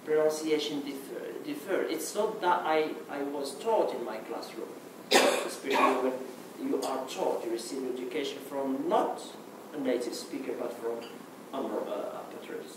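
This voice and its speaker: A Moroccan man whose native tongue is Arabic gives a hesitant conference talk in Moroccan-accented English, often restarting and filling gaps with "okay." His voice is mid-range, and the recording is noisy, with an echoey hall and a distant mic.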